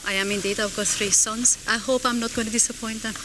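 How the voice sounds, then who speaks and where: A woman's voice: on the high side, fairly even intonation, fast talker. A middle-aged woman from Iran, a cooking contest contestant, explaining her dish in a friendly way in a studio kitchen. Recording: sizzling kitchen noise behind.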